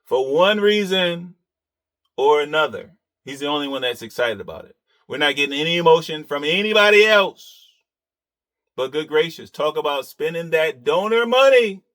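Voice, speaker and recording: A man's voice: fairly high pitch, expressive, normal speed, fairly bright tone. A man giving sarcastic reaction commentary on another channel's video, often chuckling at his own jabs.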